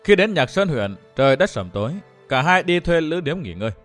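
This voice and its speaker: A man narrating a story with an expressive, dramatic reading. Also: on the high side, a little fast, faint music behind. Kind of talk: scripted narration.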